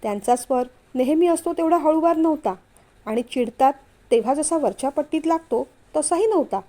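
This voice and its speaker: A woman narrating a family novel aloud in a calm, even storytelling manner. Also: high-pitched, a little fast.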